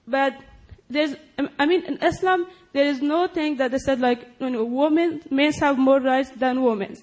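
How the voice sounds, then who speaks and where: A young adult woman from Afghanistan, not a native English speaker, politely and hesitantly asks a question as an audience member. Her voice sits high with a darkish tone, and she speaks at normal speed.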